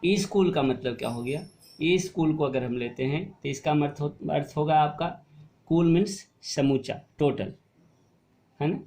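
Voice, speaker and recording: A male teacher explaining a Hindi spelling lesson to young pupils, asking questions and answering them himself, and drawing out words slowly to show how they sound. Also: a little high, mellow. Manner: explains patiently, asks and answers his own questions; stretches and stresses words to show pronunciation. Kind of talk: online class lesson.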